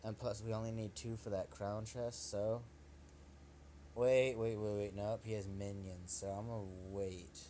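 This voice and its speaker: A man's voice: lowish voice, normal speed, few pauses, a little hiss or hum. Trash-talking young man commentating gameplay. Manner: trash-talking, excitable, swears at opponent. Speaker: gaming channel host.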